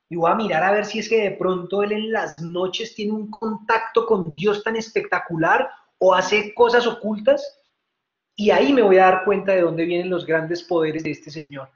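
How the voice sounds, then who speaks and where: A man's voice: high-pitched, normal speed, lightly acted. A doubting old rabbi mutters his suspicions under his breath, as a preacher acts him out. The sound is dull and echoes around a large room. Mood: suspicious. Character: puzzled, suspicious old rabbi, a respected teacher. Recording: roomy, dull hall audio.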